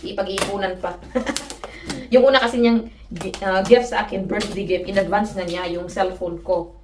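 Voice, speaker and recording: Chatty Filipina vlogger in an echoey room. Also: female voice, medium pitch, fairly even intonation, normal speed, distant mic. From Philippines. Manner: chatty, giggly, often says "mga my guys". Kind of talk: casual vlog chat. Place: at home. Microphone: phone camera. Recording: roomy echo, off-mic, noisy.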